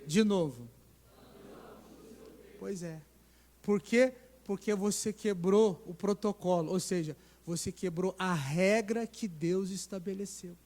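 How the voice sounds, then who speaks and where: A man's voice: high voice, slow pace. A middle-aged male pastor preaching a sermon, telling stories animatedly and putting questions to the congregation. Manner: animated storytelling with acted voices and questions to the congregation. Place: church sanctuary. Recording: long church-hall reverb.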